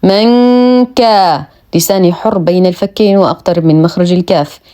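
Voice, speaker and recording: A woman teaching Quran recitation rules, explaining each rule and then reciting words slowly and precisely. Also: lowish voice, fairly even intonation, mellow. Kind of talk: tajweed lesson, explaining rules between slow recited words.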